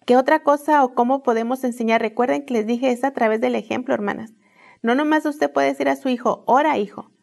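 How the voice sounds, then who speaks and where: Woman, middle-aged, devotional teaching, earnest, repetitive phrasing, gravelly edge. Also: high voice, fairly even intonation, brisk, a little mellow. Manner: earnest, repeats phrases, asks "¿verdad?". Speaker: women's ministry teacher.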